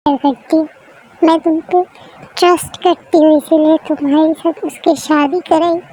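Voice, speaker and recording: A woman's voice: high voice, fairly even intonation, unhurried, dark tone, rough recording. A woman voicing an anxious father asking his new son-in-law to look after his daughter, in an amateur fan dub. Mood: earnest. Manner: earnest, pleading. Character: anxious, protective male father.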